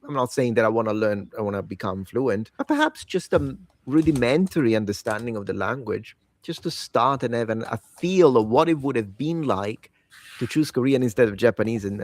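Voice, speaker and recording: In an expressive mid-range voice at a moderate pace, an Italian-native language-learning video host talks solo to camera about the languages he hopes to learn. It's late at night and he's tired, yet casual and enthusiastic, frequently wandering off and correcting himself. No room sound is audible.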